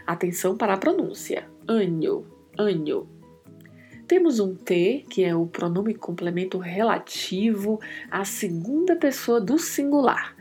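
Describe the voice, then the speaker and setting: Woman teaching Spanish pronunciation slowly. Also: mid-range voice, big pitch swings, darkish tone, faint music behind. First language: Portuguese. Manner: slow, careful pronunciation drills. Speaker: Spanish teacher and podcast host. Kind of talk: podcast language lesson.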